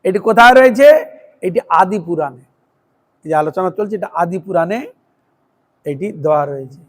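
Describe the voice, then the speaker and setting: A man with a Bengali accent giving a devotional sermon, chanting verses slowly and then explaining them with emphatic repetition. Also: sits high, expressive, long reverb tail. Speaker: preacher.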